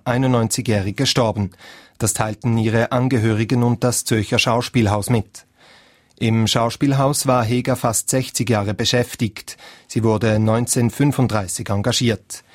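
A man's voice: mid-range voice, steady tone, normal speed, dry recording, studio quality. A man reading a radio news bulletin in a neutral, formal manner. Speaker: newsreader.

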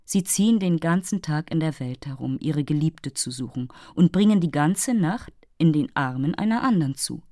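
A woman's voice: deep voice, lively intonation, moderate pace, hardly any pauses, mellow, dry recording, studio quality. A woman voicing a haughty, moralizing female fairy who lectures and takes offense easily. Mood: scolding.

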